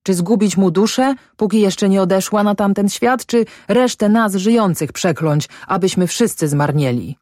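A woman's voice: mid-range voice, normal speed, hardly any pauses, darkish tone, dry recording, clean studio sound, pitched above the performer's own voice, close to an everyday voice. A woman voicing a distraught peasant father who speaks in a muffled, accusing voice in an audiobook. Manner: muffled, pleading then accusing. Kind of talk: audiobook character voice.

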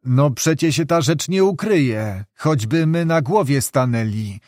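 A man's voice: fairly high pitch, animated, a little slow, darkish tone, dry recording. Plain-spoken country coachman, blunt and chatty, with homely rural turns of phrase, as a narrator puts him on. The voice stays close to the reader's own and is only lightly coloured. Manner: folksy, rustic peasant speech. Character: rustic male coachman, blunt and talkative.

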